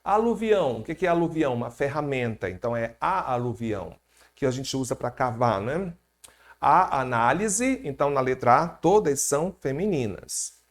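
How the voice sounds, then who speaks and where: Lively, joking Brazilian grammar teacher. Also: male voice, mid-range voice, moderate pace. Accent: Brazilian Portuguese. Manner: lively, jokey teacher quizzing the class. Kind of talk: exam-prep grammar lesson.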